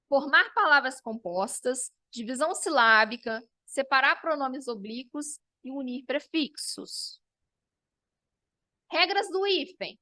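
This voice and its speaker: A woman's voice: high-pitched, pushed and bright, no room sound. A woman teacher, giving an online review lesson and explaining step by step, often checking in with her students.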